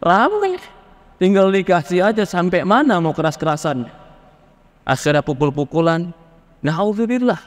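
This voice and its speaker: Male preacher, fairly high voice, animated delivery, long reverb of a hall. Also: moderate pace. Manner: lively, acts out questioners from the congregation. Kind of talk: Islamic sermon on marriage.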